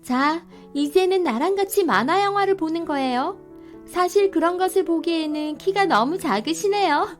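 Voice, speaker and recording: A cheeky young child who has suddenly taken charge, as a woman narrator puts the child on. The voice is pitched high and clear, cool and bossy. Soft music plays faintly behind. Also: lively intonation, normal speed. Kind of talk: storybook voice acting.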